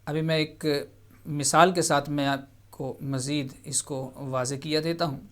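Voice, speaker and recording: A man hosting a televised Quran reading lesson, who explains patiently, repeats each point and draws out the sounds slowly. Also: a little high, steady tone. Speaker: Quran teacher and TV host.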